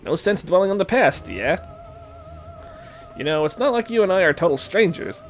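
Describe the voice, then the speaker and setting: A man's voice: high-pitched, expressive, normal speed, soft background music. A man voicing a sly, smug young man who drawls and threatens casually while reading game dialogue. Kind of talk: reading a game's dialogue aloud.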